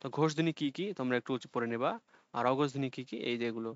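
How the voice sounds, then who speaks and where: A man's voice: mid-range voice, clear, resonant tone, no echo, highs cut off. Patient man teaching an online lesson. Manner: explains patiently, repeats sounds slowly for students to copy. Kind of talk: online exam-prep lesson.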